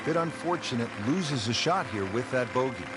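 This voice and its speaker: A man's voice: mid-range voice, expressive, normal speed, a crowd in the background, close to an everyday voice, poor audio. A man playing a composed TV golf announcer, calling shots and holes as the lead commentator in a sports video game, with music behind him. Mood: composed, announcing.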